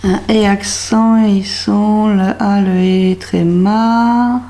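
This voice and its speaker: A woman's voice: medium pitch, steady tone, drawn-out words, mellow. A French woman, a craft vlogger, thinking aloud as she tries out a label maker, hesitant and puzzled, muttering to herself. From France. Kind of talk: thinking aloud while trying a device.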